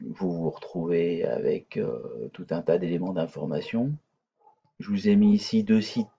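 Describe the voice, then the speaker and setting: A man's voice: low-pitched, gravelly, slightly rough, dull audio. A man teaching a hesitant, filler-filled screencast coding lesson, talking through code on screen. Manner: hesitant, many fillers and restarts.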